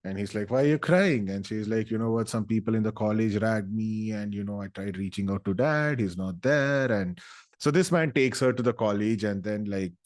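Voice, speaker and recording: A young man, ranting about a movie in casual, comedic, sarcastic style, breaking into loud animated bursts. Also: on the low side, normal speed. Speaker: YouTuber.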